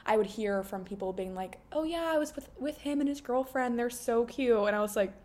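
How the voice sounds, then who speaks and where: A woman in her twenties co-hosting a podcast, chatting casually with a wry manner and chiming in quickly. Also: a little high, a little mellow. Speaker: podcast co-host. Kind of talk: casual chat.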